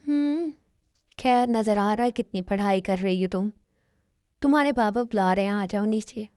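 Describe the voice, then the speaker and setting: A woman's voice: medium pitch, normal speed, darkish tone, no echo, clean studio sound, lightly acted. A woman playing a stern, suspicious aunt. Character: stern nosy aunt, middle-aged woman. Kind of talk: amateur Hindi fan dub.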